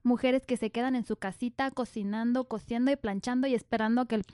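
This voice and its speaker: High-voiced woman hosting, dry sound. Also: quick pace, dry recording. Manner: lively, steers the talk with questions. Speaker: host. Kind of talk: casual podcast chat.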